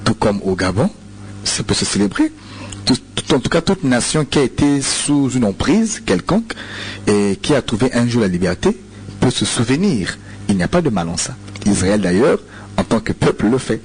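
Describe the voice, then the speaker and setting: In a radio studio, a Congolese preacher with a Congolese French accent answers listener questions in a mid-range, sing-song voice with a darkish tone. He moves at a moderate pace yet hesitates a lot, repeating words and leaning on fillers, with slight background noise.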